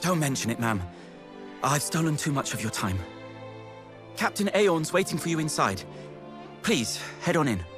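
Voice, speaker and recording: In an English-language fantasy game cutscene, a man voices an earnest, courteous young knight who is polite, deferential, and apologetic. His fairly high voice is very animated, moving at a normal speed with long pauses, and music plays behind him.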